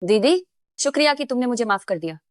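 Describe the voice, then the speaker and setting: A woman's voice: a little high, expressive, a little fast, no echo, studio quality, close to an everyday voice. An actress dubbing a scheming young woman who sounds sweet and falsely friendly. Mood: sly. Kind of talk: Hindi dub of a drama.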